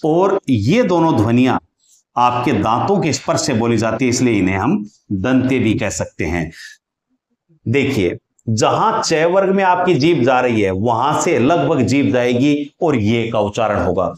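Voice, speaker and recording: A man teaching a lesson on Hindi consonants, asking questions and repeating sounds slowly for his students. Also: mid-range voice, animated, reverberant. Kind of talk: explanatory grammar lesson.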